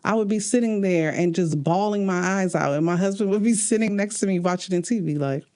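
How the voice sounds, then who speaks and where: A woman's voice: medium pitch, brisk, dark tone. A woman co-hosting a casual relationship podcast, speaking earnestly about faith and marriage and laughing often. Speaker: podcast co-host.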